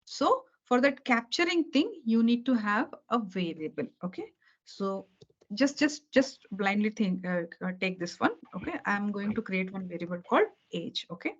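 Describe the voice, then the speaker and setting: This woman gives a beginner coding lesson on a video call, speaking at a normal speed with a medium pitch and lively intonation. Patiently, she repeats key points and checks understanding after nearly every sentence with "okay" and "right." The call audio is dull and lo-fi.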